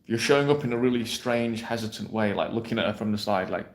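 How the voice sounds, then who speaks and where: In a direct-to-camera monologue, a man coaches viewers on dating, blunt, brash and emphatic, swearing freely and checking in with "yeah?". His voice is lowish and fast, and the room gives it an echo.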